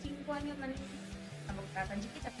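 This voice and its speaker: A woman with a Mexican accent telling an animated anecdote in casual chat, full of slang. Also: high-pitched, racing, over loud music, low-quality recording. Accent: Mexican Spanish.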